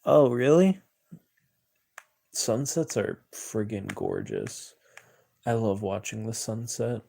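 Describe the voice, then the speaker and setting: A hoarse young man hosting a late-night livestream, chatting loosely with viewers and swearing a lot. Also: on the low side, big pitch swings, slow, warm tone. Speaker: livestream host.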